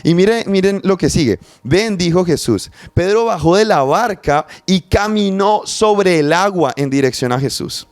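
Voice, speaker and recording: Guy preaching with passion, kinda high voice, dry close sound, talks right to you. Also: expressive, moderate pace, few pauses, dry recording. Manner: earnest, passionate, speaks directly to the listener. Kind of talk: sermon.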